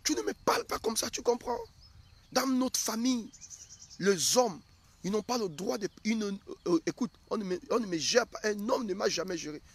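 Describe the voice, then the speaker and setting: A preacher voicing a proud, quarrelsome wife who scorns her husband, in a shrill falsetto and an indignant manner. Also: lively intonation, moderate pace, husky, exaggerated voice. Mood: defiant, scornful.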